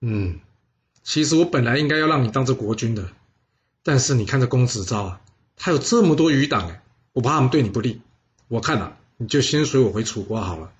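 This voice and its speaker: A man's voice: medium pitch, lively intonation, fairly quick, natural voice. A man voicing a smug, calculating ancient king who speaks offhandedly in a told story. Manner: offhand, self-satisfied.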